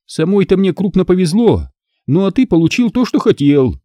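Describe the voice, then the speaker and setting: Alisa, a shrill spiteful woman voiced by a man. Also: big pitch swings, moderate pace, mellow, no room sound, studio quality. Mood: gloating mockery. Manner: taunting, sneering. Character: spiteful scheming young woman, mocking and shrill.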